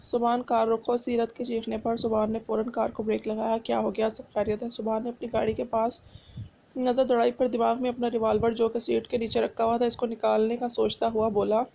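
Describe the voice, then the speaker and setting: A woman reading a romance novel aloud as narrator, with a steady, even delivery. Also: on the high side, brisk, gravelly.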